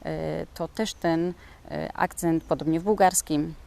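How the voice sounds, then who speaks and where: Lowish-voiced woman giving a hesitant lesson. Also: steady tone, measured pace, vocal fry, warm tone. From Poland. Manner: hesitant, with many filler sounds. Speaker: Croatian language teacher. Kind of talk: casual spoken lesson.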